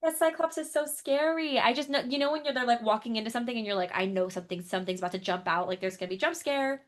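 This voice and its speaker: A woman's voice: a little high, racing. Chatty young woman podcast co-host. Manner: animated, rambling, laughs often. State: recovering from illness. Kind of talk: casual chat.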